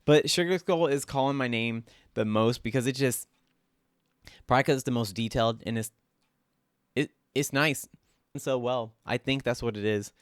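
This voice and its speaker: A man's voice: medium pitch, moderate pace, clear, resonant tone, no room sound, studio quality. A young man casually talking through his own drawings as host, rambling and self-critical, with lots of "like" fillers. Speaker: artist and channel host.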